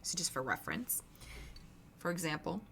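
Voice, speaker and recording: Woman instructor, lower voice with a hoarse, gravelly rasp, talking students through a recorded lecture in an easy, conversational way. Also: normal speed, a little hiss or hum. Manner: relaxed, conversational explaining. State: scratchy, hoarse voice. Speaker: university instructor.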